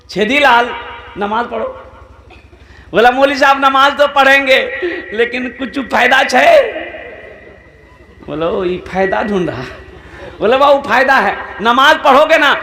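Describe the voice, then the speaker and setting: A man's voice: high voice, bright, forceful tone. A man preaching a humorous sermon, telling village stories with dialect voices and heavy repetition. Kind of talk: humorous Islamic sermon with acted anecdotes. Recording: echoey hall.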